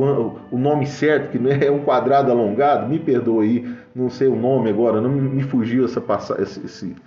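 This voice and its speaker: A man's voice: mid-range voice, mellow. A man with a Brazilian Portuguese accent giving a fervent church testimony, telling a story and breaking into praise. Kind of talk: emotional religious testimony. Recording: echoey, slightly dull recording with faint music.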